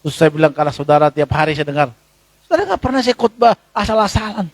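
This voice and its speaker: Animated male preacher, lively pitch. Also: fast talker, no room sound. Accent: Indonesian. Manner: animated preaching with sudden high exclamations and low asides; conversational, addresses the congregation as saudara. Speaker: pastor. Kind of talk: sermon. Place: church.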